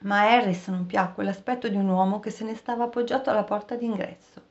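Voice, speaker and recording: A woman narrating a story aloud as an audiobook reader, in a steady, expressive storytelling manner. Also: mid-range voice, fast. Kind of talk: scripted narration. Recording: dull, muffled recording.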